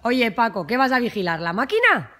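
A woman's voice: a little high, sing-song, fairly quick, a bit bright. Woman cooing at her dogs, Spain. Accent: Spanish from Spain. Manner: coaxing baby talk to the dogs. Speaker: vlogger, dog owner. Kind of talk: casual talk to pets.

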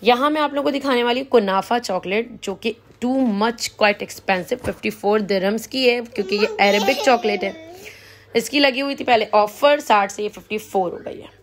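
A woman vlogger with a slightly high voice walks through a large indoor supermarket at normal speed, casually narrating and chatting easily. She reads out prices as she goes and mixes English words into her talk.

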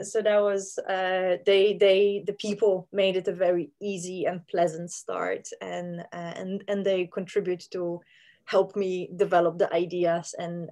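Over a video call from her plant-filled home room, a woman from Poland, a native Polish speaker, talks about her work as a plant scientist. Her medium-pitched voice is a little mellow, and she hesitates often, leaning on fillers.

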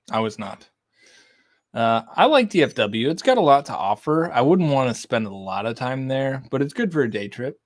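A whiskey channel host in his thirties from Texas chats casually on a livestream from his home bar, whose lit shelves hold bottles, and reads out viewer comments. His medium-pitched voice comes through a desk condenser mic with studio quality and no echo.

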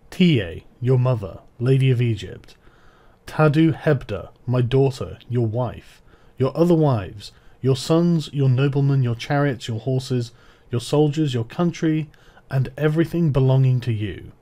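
Guy reading old letters out loud, formal and measured, warm low-ish tone. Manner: measured, formal delivery in short phrases. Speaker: reader of ancient texts. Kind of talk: scripted recitation of historical letters.

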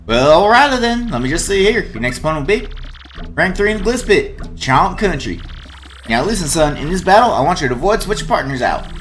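A man's voice: high-pitched, sing-song, brisk, fairly bright tone, soft background music, pitched above the performer's own voice. A man voicing a boisterous, folksy middle-aged fight promoter in a put-on Southern US drawl, reading game dialogue.

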